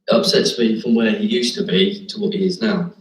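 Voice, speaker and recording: A young man talking in a documentary interview, soft-spoken and hesitant, with a resigned tone. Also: lowish voice, steady tone, a little fast, reverberant, distant mic, low-quality recording.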